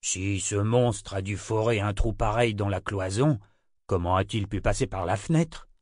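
A wary village rescuer, as a male reader voices him talks in an earnest, questioning way. His voice sits low and sounds dry and close. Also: moderate pace, a little mellow, no echo, lightly acted. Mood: worried.

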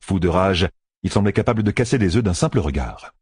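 A man reading a fantasy audiobook in a measured, expressive storytelling voice. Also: deep voice, slightly rough, no room sound, clean studio sound. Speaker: audiobook narrator. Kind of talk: scripted fantasy audiobook narration.

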